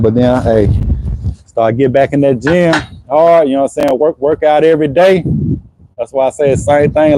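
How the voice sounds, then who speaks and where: A man in his forties who runs an HVAC business in the Houston area chats casually on a livestream, answering viewers in a laid-back, conversational way and often saying "you know what I'm saying." His voice is mid-range, with a noisy background.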